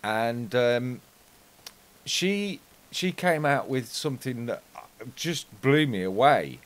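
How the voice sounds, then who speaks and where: A man with a British accent hosts a casual chat in a mid-pitched voice. His intonation swings widely as he talks in a blunt, informal way. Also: expressive, slow, fairly bright tone. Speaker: host.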